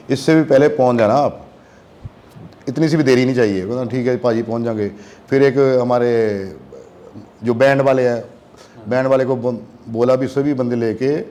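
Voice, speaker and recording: A young man telling a long story in a casual chat, acting out the voices of the people in it. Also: medium pitch. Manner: animated, acts out voices in quotes. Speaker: guest musician.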